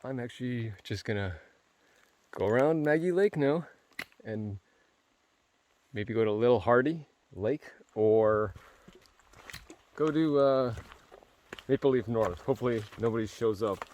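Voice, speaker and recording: A man's voice: mid-range voice, unhurried, pauses often, darkish tone. A tired, sore man talking casually to his camera on a forest hiking trail, rambling with fillers and swearing. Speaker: vlogger on a solo hike. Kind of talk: casual hiking vlog narration.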